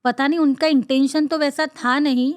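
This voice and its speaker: A woman podcast host recounting her own trip in earnest, halting personal storytelling, with frequent pauses and fillers and words repeated for emphasis. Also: high voice, fairly even intonation, no echo.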